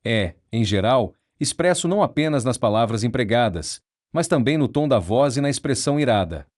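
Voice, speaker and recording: A man reading a nonfiction book aloud in a measured, steady, explanatory way. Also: medium pitch. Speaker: audiobook narrator.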